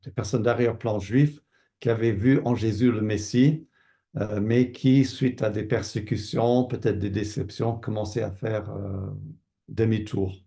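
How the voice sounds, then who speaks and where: Older Canadian pastor, low gravelly voice, unhurried and hesitant interview answers. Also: male voice, steady tone, dark tone. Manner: thoughtful, hesitant with many fillers and repeated words. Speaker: pastor and Bible teacher.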